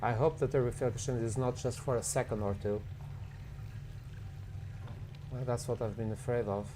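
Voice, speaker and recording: A man's voice: mid-range voice, fairly even intonation, fast, background noise. A man thinking aloud while playing a puzzle game, sleepy and tired, yawning as he talks it through. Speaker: gaming streamer. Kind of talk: casual gameplay commentary.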